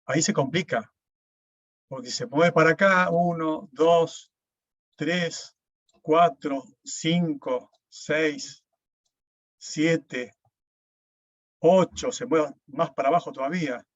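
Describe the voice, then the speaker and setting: A man's voice: fairly high pitch, takes it slowly, long pauses, fairly bright tone, dry recording. A man, lecturing an online class, explaining step by step and often checking with "¿sí?". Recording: dull, dry lo-fi sound.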